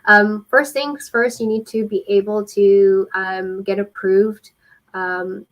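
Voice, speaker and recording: An immigration consultant, a woman, answers questions live in a helpful, informal way, pausing often. Her voice is mid-range and steady in tone, and the audio quality is poor.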